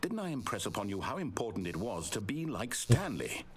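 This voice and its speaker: A man's voice: big pitch swings, a little fast, a little hiss or hum. An actor playing a controlling male video game narrator, proud of his story, with precise, theatrical delivery. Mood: bitter. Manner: precise, theatrical delivery with wild swings in pitch. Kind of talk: scripted video game voice acting.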